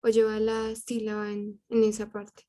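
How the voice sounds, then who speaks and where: A woman's voice: medium pitch, monotone, normal speed, dark tone. A woman student on a video call, asking hesitant questions in class and seeking confirmation.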